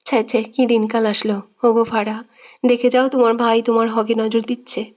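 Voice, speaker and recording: A woman's voice: fairly high pitch, level tone, normal speed, darkish tone, close to an everyday voice. Woman voicing a teasing young prankster guy.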